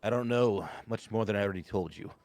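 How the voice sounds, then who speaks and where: A man's voice: on the low side, fast talker, a little mellow, natural voice. A man reading a stern male commanding officer's lines in an amateur script read-through, clipped and ordering. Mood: explaining. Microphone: home streaming mic.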